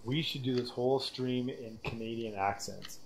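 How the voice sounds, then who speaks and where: Teasing guy on gaming chat, middle pitch, faint background noise. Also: normal speed. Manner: joking, teasing. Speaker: parent. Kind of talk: casual voice chat.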